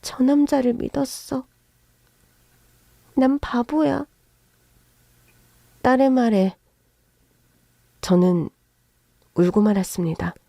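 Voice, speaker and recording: A woman voicing a meek, childlike young wife who speaks in a soft, breathy, hushed way in a narrated story. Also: fairly high pitch, steady tone, slow pace, long pauses, no room sound, voice pushed up. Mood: hurt. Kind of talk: narrated story with acted voices.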